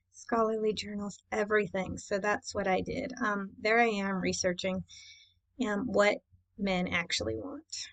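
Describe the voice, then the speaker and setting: A woman's voice: medium pitch, poor audio. A woman coaching in a casual, chatty presentation, talking informally to her audience with rhetorical questions and frequent check-ins. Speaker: dating coach and class host. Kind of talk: casual instructional presentation to camera.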